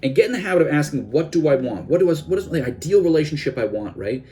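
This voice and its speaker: A man's voice: fairly high pitch, big pitch swings, fast talker, dark tone. A young man, a self-help coach, giving a casual instructional talk and now and then dropping into gloomy voices of the listener's thoughts.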